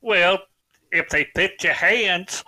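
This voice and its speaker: A man playing a dim-witted, earnest rural brother who talks in a slow, ungrammatical backwoods drawl. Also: high-pitched, sharp tone, heavily acted.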